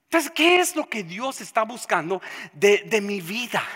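A preacher delivering an emphatic sermon, repeating phrases and swinging between loud declarations and hushed asides. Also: medium pitch, sing-song, normal speed, slightly rough. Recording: long hall reverb.

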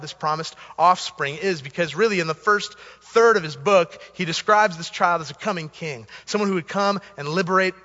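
Emphatic high-voiced male pastor preaching. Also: bright, forceful tone, big-room sound, dull audio. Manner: earnest, emphatic preaching with repeated phrases. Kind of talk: sermon. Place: church sanctuary.

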